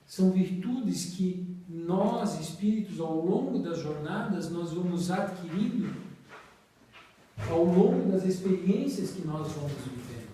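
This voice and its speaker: Slow, dark-voiced Brazilian man lecturing. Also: sits high, heavy reverb, distant mic, low-quality recording. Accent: Brazilian Portuguese. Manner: slow, measured, trailing off at phrase ends. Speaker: spiritist study leader. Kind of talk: slow spiritist study talk.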